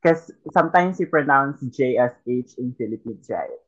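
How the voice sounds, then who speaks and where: A woman co-hosting a casual podcast chat, speaking haltingly with frequent restarts and mixing Filipino with English. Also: very deep voice, lively intonation, slightly rough, lo-fi sound. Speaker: podcast co-host.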